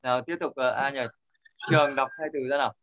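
A man's voice: mid-range voice, steady tone, fast, a bit bright. Man teaching online. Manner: patient, corrective, repeats key points. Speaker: English pronunciation teacher. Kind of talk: online class instruction. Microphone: video call. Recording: dull lo-fi call audio.

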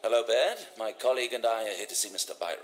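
Game companion, male actor: courteous, measured gentleman doctor, lower register, faint noise behind. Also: lightly acted. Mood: polite.

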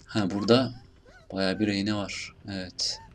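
A young man with a Turkish accent casually commentating his gameplay, muttering, swearing at enemies and bursting out loudly now and then. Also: on the low side, steady tone, unhurried, a little hiss or hum. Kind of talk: casual let's play commentary.

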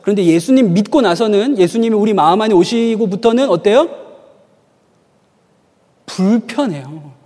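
A man preaching in a high, animated voice that rises and falls freely. He tells stories and keeps asking his listeners questions. A long reverb trails his words. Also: normal speed, long pauses. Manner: storytelling, asks the audience rhetorical questions. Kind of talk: sermon.

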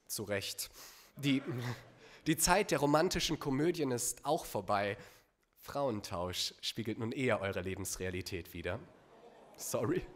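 This young man performs comic spoken word at a poetry slam, speaking into a stand microphone on a theatre stage with a live audience watching. His mid-range, slightly bright voice carries a theatrical delivery peppered with sardonic asides.

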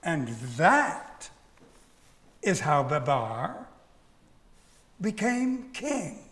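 Very slow, high-voiced male storyteller. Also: very animated. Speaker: narrator. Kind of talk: storybook narration with piano.

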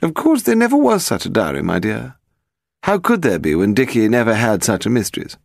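A man reading an audiobook voicing a frail, sharp-tongued aristocratic woman in her eighties with a high, imperious voice. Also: very animated, a little fast, creaky, no echo, studio quality, heavily acted. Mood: dismissive. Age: 80s.

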